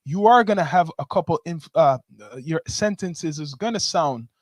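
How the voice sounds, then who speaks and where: Higher-voiced Toronto man explaining things casually. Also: animated, moderate pace, no room sound, studio quality. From Toronto, Canada. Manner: explanatory, repeats and checks with "right?". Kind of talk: casual discussion.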